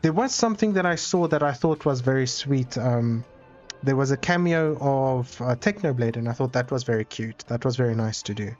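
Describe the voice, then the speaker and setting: A man's voice: medium pitch, normal speed, darkish tone, faint music behind. Rambling male streamer, dull lo-fi audio. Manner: rambling, self-interrupting, playfully dramatic. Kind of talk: casual live-stream chat while gaming.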